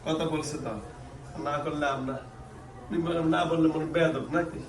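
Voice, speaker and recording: Guy, healer, keeps coaxing and asking again and again, kinda high voice, mic sits far off in an echoey room with faint noise. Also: fairly even intonation, normal speed. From Bangladesh. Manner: coaxing, insistent questioning. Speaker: Islamic healer and mufti. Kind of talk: live session addressing camera and visitors.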